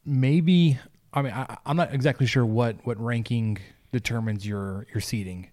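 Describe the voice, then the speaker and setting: A man from Texas with a gentle giant voice, hosting a sports podcast in a loose, informal, conversational way. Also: mid-range voice, normal speed. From Texas, United States. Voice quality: gentle giant voice, soft and big. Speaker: podcast host. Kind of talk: casual sports podcast chat.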